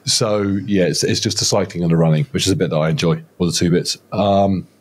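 A brisk, deep-voiced man around fifty guests on a casual podcast, rambling through his story with self-deprecating humor and many false starts. He joins by video call from his home studio indoors, using headphones and a close studio mic.

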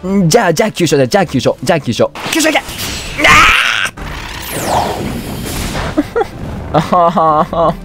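Excitable fast-talking man playing games. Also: sits high. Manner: chatty, joking, self-correcting, excitable. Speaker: let's play gamer. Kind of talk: casual game commentary. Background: faint game music.

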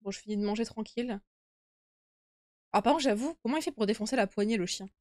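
A woman's voice: a little high, fast, darkish tone, dry recording, studio quality. A young woman streaming a horror game with casual live commentary, uneasy and easily scared, chatting to her viewers. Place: indoor room at home.

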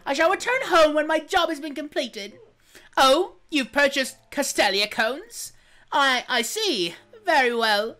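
A woman's voice: high voice, a little slow, bright, forceful tone, voice pushed up. A woman voicing a pompous, theatrical ghostly guardian villain in a game, speaking in a grandiose, gloating manner.

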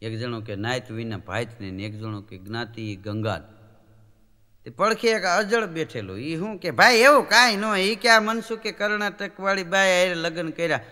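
High lively guy doing stage comedy, bright voice, big hall echo. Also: moderate pace. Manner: animated, acts out characters' lines in changing voices. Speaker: stand-up comedian. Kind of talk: live Gujarati folk comedy storytelling.

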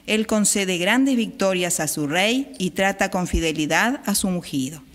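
A woman recites a psalm at Mass in a slow, solemn way at a lectern microphone in a small chapel. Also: mid-range voice, expressive. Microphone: gooseneck microphone on the lectern. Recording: reverberant chapel sound.

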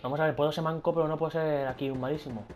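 A young man with an accent from Spain commenting on his own gameplay at a rapid clip, excitable, cursing freely and chatting to his viewers. Loud gunfire and explosions from the game sit clearly behind his voice. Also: fairly high pitch, noisy background. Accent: Spain Spanish. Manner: swearing, excitable, addresses viewers. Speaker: gaming youtuber.

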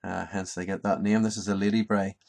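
Low-voiced County Antrim man, middle-aged. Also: little pitch movement, brisk, vocal fry, a little mellow. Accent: Northern Irish (County Antrim). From Ballycarry, County Antrim, Northern Ireland. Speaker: presenter explaining local language and place names. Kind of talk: informal explanatory talk. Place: small book-lined study, indoors.

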